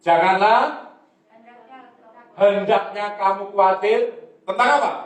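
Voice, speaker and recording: High-voiced preacher in an echoey hall. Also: male voice, takes it slowly. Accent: Indonesian. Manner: lively preaching, coaxing the congregation to read aloud. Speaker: pastor. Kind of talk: sermon. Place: church hall. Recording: echoey church hall, mic at a distance.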